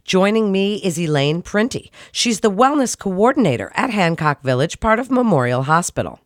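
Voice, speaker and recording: A woman hosting a hospital health program, introducing and questioning a guest in a polished, expressive way. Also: mid-range voice, normal speed, dry recording, clean studio sound. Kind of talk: hosted interview. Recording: faint music behind.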